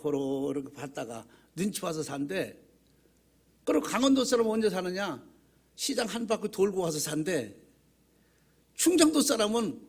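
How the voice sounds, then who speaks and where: Husky, animated male pastor preaching. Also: high voice. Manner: conversational, asks the congregation rhetorical questions; folksy storytelling with humor. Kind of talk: sermon. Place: church sanctuary.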